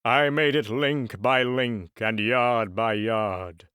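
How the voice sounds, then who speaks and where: A man voicing a mournful old male ghost bound in chains, speaking slowly and gravely. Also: medium pitch, steady tone, a bit bright, no echo, studio quality. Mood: doleful. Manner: slow, drawn-out and grave.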